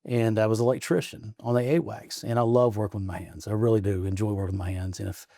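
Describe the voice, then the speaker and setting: Speaking fast in a lowish, dark, creaky voice with fairly even intonation, an Arkansas man in his forties rambles through a casual interview, often chuckling and starting his stories over. He's a state representative appearing as a guest in a state capitol office, recorded at studio quality with no echo.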